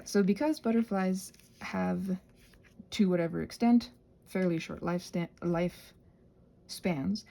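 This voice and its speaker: Creaky and mellow, this woman's lowish voice carries her casual, quirky chat as she hosts a rambling craft video for her ASMR crafting channel. She drifts playfully between asides.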